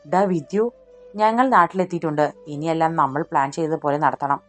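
A woman's voice: low-pitched, brisk, soft background music, natural voice. A woman voicing a young husband and father who speaks firmly and earnestly in a storybook reading. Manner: firm, earnest.

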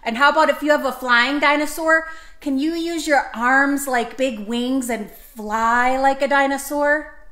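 A woman's voice: high voice, unhurried, bright, forceful tone, reverberant. A woman hosting a children's storytime, reading picture books aloud and coaxing the kids to join in. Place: indoors, seated with books on her lap. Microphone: camera in front of her.

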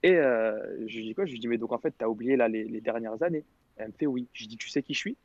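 Young man, fast rambling storyteller, slangy, dry lo-fi sound. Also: medium pitch, no echo. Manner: rambling, slangy, quotes others. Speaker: radio show guest telling a story. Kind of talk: casual storytelling chat.

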